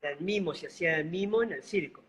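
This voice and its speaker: A mime and clown actor in middle age, from Buenos Aires, tells his story gently and unhurriedly as a guest on a video call, favoring diminutives. His Argentine Spanish is softened by a slight Bolivian lilt, and his voice sits a little above most men's. Crowd noise can be heard.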